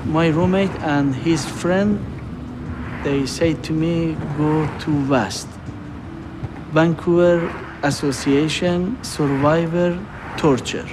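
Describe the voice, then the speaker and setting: A man, telling his story in halting, broken English for a documentary interview. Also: on the high side, steady tone, background noise. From Iran.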